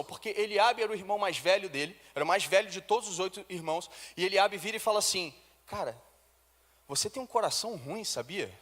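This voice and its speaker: High-voiced pastor in a church hall. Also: male voice, fairly bright tone. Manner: storytelling with modern slang and acted dialogue. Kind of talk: sermon.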